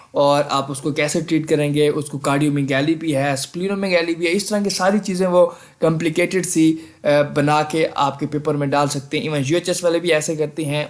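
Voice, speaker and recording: A man casually explaining medical college exam formats to students, often asking "theek hai" and mixing in English terms. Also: on the high side. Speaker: medical admissions advisor on a video channel.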